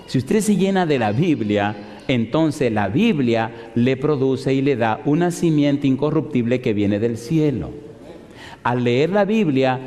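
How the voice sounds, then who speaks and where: Un pastor que predica y cuenta una historia, imitando con viveza las voces de una llamada telefónica. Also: male voice, medium pitch. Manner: animated, acts out both sides of a phone call. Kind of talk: sermon with storytelling. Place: large hall in London. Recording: reverberant hall.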